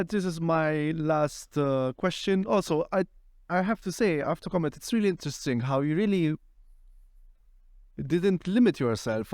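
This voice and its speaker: A man's voice: on the high side, a little mellow, no echo, studio quality. A man co-hosting a podcast, asking a guest questions in a friendly, slightly hesitant way. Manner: friendly, complimentary, hesitant phrasing. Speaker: podcast co-host, interviewer. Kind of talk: casual interview questions.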